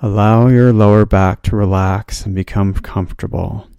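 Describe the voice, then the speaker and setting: A man leading a guided progressive muscle relaxation, speaking in slow, soothing, drawn-out instructions. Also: lowish voice, steady tone, creaky, mellow, clean tone, no echo, dull audio.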